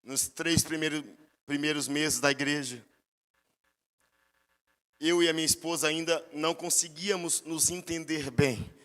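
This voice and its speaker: Bright-voiced Brazilian pastor preaching. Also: male voice, a little high, steady tone, measured pace, long pauses, big-room sound. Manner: storytelling, emphatic rises. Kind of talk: sermon.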